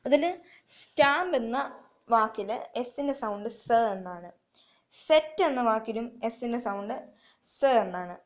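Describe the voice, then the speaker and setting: A young woman with a fairly high voice, teaching a phonics lesson for children. She talks slowly and patiently, repeats each point, and asks simple questions before answering them herself. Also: expressive. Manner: slow, repetitive, asks and answers her own questions.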